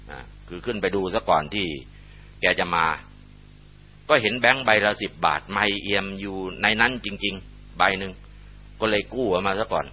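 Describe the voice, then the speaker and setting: A man telling a temple legend in a relaxed way, with frequent fillers, on a muffled lo-fi recording. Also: low voice. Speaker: storyteller. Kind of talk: storytelling narration.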